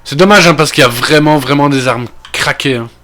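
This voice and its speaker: A man's voice: on the high side, fairly quick, pushed and bright, slight background noise. A man from Belgium with a Belgian French accent, getting over a cold, talking through a video game in casual commentary full of fillers and trailing asides. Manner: thinking aloud, many fillers and trailing asides. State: recovering from a cold. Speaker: gaming video creator.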